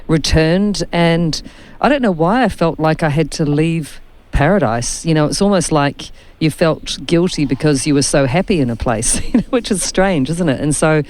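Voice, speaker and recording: A woman hosting a radio chat, telling chatty personal anecdotes in a relaxed, conversational way. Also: sits low, normal speed. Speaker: radio host.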